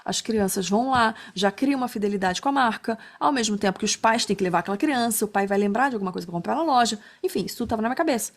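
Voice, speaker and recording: A woman's voice: on the high side, animated, racing, few pauses. A woman teaching an online class in a casual, chatty way, often tagging her sentences with little check-ins. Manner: chatty, many fillers like né and tá. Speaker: instructor.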